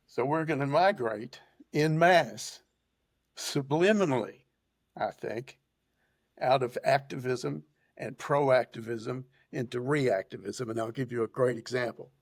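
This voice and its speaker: A man's voice: medium pitch, no room sound. Appalachian-accented man, close and dry. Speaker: panel guest. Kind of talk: reflective conversational monologue.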